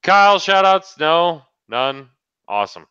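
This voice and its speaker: Brash, animated man with muffled sound. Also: a little high, unhurried, clean tone, no room sound. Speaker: podcast co-host. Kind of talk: casual profane banter.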